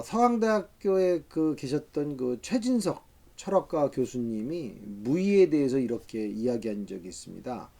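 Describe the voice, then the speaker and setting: A man's voice: medium pitch, vocal fry, warm tone. A man in his fifties, a professor, giving a reflective talk-style book review lecture with frequent hesitations. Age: 50s.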